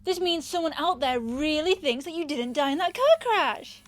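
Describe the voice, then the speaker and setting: A woman with a high, natural voice speaks at a moderate pace in an ASMR roleplay audio drama. She plays a possessive, smug rich young captor, teasing and condescending with a sweet menace.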